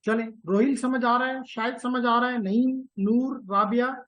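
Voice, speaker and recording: A male instructor leads a live class. He explains networking step by step and weaves English terms into his sentences. He repeats the key words and stops often to ask students whether it is clear. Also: very high voice, steady tone, normal speed, fairly bright tone, dull audio. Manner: mixes English technical terms into Urdu.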